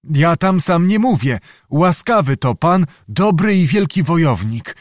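A man voicing a meek, hesitant knight who rambles in a raised, halting voice in an audiobook. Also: animated, no room sound, clean studio sound. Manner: hesitant, rambling, high-pitched.

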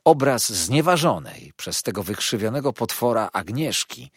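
A man narrating a novel as an audiobook in an expressive, animated reading. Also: mid-range voice, normal speed, breathy edge, dry recording, studio quality. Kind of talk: scripted narration.

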